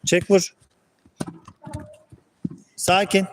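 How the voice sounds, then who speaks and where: A man coaching young football players from the sideline, calling out terse commands and quick praise. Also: high-pitched, completely flat delivery, a little hiss or hum. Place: outdoor football pitch.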